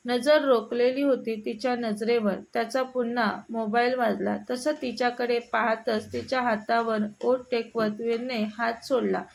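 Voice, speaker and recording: A woman telling a story in a slightly gravelly voice. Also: a little high, low-quality recording. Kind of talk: scripted narration.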